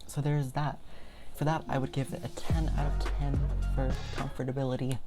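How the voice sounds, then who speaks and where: A woman's voice: extremely low pitch, little pitch movement, fairly quick, music in the background. A young woman vlogger talking casually and rambling, chatty and self-deprecating. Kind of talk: casual rambling product vlog.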